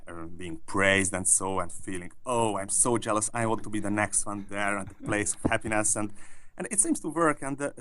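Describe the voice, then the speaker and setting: Guy with a lowish voice, scientist answering interview questions, halting, lots of uhs. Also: a bit bright, slight background noise. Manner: hesitant, many restarts and fillers. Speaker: neuroscientist interviewee.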